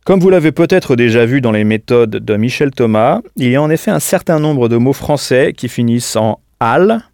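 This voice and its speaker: A man's voice: mid-range voice, animated, normal speed, a little mellow, no room sound. Patient male language teacher, dry sound. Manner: patient, didactic, prompts the listener to answer. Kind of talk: scripted audio language lesson.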